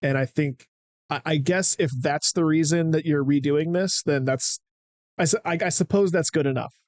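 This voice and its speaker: Male co-host, slightly high voice, dry close recording, skeptical and halting. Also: darkish tone, dry recording. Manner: skeptical, searching for words. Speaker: podcast co-host. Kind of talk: casual chat.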